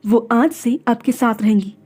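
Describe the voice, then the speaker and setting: A woman voicing a kind middle-aged father who speaks calmly and affectionately in a storybook. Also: on the high side, moderate pace, breathy edge, voice pushed down. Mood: gentle. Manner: calm, affectionate.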